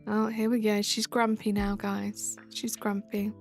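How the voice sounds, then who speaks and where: A young woman's mid-range voice carries a completely flat, unhurried delivery as she live-streams a game. She's chatty, reading and answering viewers' chat while playing, and faint background music can be heard.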